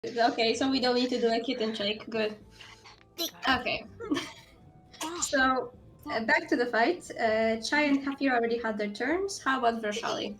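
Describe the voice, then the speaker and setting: A woman's voice: a little high, normal speed, fairly bright tone. A woman running a tabletop game as game master over an online voice call, casual and giggly.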